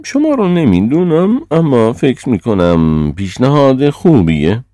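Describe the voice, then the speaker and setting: A pompous official man, stern and quick to take offense, as a man puts him on while reading the story. His voice sits well above the reader's deep tone and comes out raised and clipped. The audiobook sound is dry and close. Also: big pitch swings, mellow, no room sound, close to an everyday voice. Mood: indignant.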